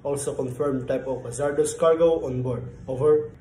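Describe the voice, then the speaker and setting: Playing a port control operator, a man answers a marine radio call with scripted procedure, his instructions formal and clipped. He has a dark, mid-range voice with fairly even intonation and normal pacing, and the room is echoey with a faint hum.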